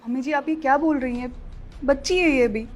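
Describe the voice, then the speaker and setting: A woman playing a meek daughter-in-law and loving mother who pleads softly and soothes her child, in a family short film. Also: high-pitched, fairly quick, close to an everyday voice. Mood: pleading.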